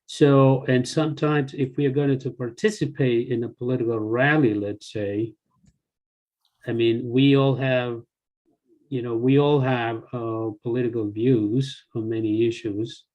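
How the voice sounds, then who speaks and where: A man's voice: medium pitch, fairly even intonation, unhurried, a little mellow, poor audio. Hesitant older man on a video call. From born in El Salvador, raised in the US and Canada. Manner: hesitant, many fillers and restarts. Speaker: longtime devotee joining the call. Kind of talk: casual discussion on a video call. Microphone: video call computer mic.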